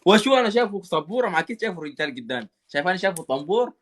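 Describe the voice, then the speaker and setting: A man's voice: high voice, very animated, racing. A man with a Sudanese accent hosting a casual live stream, with teasing, rambling banter.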